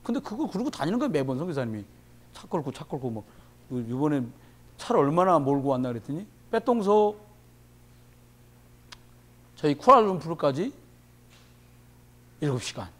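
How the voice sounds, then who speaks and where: A man preaching a sermon as pastor, telling lively stories and swinging from quiet low asides to loud emphatic peaks. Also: moderate pace, long pauses. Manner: animated storytelling, acts out quoted voices.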